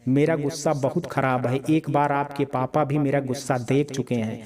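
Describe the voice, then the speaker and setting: A man's voice: mid-range voice, steady tone, normal speed, a crowd in the background, natural voice. A man voicing a proud, hot-tempered young lover in a spoken storybook, talking bluntly and bitterly. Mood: brooding.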